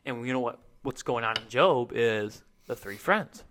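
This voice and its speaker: A man's voice: mid-range voice, lively intonation, normal speed, fairly bright tone, a little hiss or hum. A man talking earnestly and a little ramblingly in a casual faith discussion, co-hosting a Bible talk.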